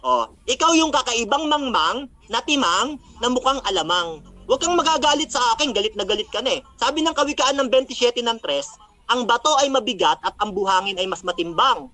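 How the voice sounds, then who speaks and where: A man's voice: very high voice, expressive, fairly quick, pushed and bright. A man acting as a religious debater, mockingly recapping a debate, taunting his opponent and citing Bible verses.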